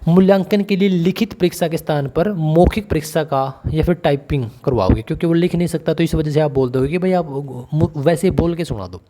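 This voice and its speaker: A man's voice: on the high side, a little fast, few pauses, warm tone. A man teaching an online exam-prep lesson in a casual, conversational way, often calling the viewer brother and putting questions to them. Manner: conversational, calls the listener brother and asks questions.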